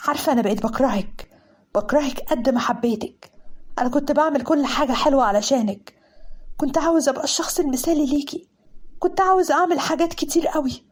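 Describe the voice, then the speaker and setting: A woman voicing a bitter young Egyptian man. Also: high-pitched. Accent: Egyptian Arabic. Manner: angry, reproachful.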